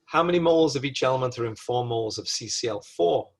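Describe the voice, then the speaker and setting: In a recorded lesson, a man at a middle pitch lectures his way through chemistry exercises at a fast pace. He thinks out loud and breaks off mid-sentence to correct himself.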